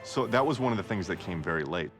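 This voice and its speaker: A man's voice: low-pitched, animated, fast. A man talking informally as a game developer in a documentary interview. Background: music.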